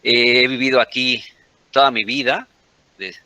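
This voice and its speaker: A man's voice: medium pitch, steady tone, a little slow, sharp tone, no room sound. A Mexican man in his forties, a guest in a conversational interview, rambling and often correcting himself mid-sentence. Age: 40s.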